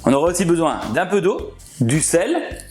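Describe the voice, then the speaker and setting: A man's voice: on the high side, big pitch swings, moderate pace, darkish tone, faint music behind. A man hosting a casual cooking vlog, chatty and jokey, who often laughs and talks straight to his viewers. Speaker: cooking channel host.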